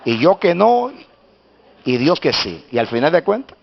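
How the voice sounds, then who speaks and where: A man's voice: on the high side, sing-song, unhurried, vocal fry. A male pastor telling a story in a sermon, emphatic and insistent, repeating himself for weight. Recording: dull lo-fi sermon recording.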